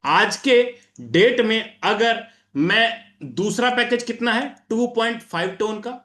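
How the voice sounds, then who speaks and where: A man's voice: extremely high pitch, slow, a bit bright, echoey room. A man presenting an income plan over a screen share, repeating himself and answering his own questions while calling listeners sir.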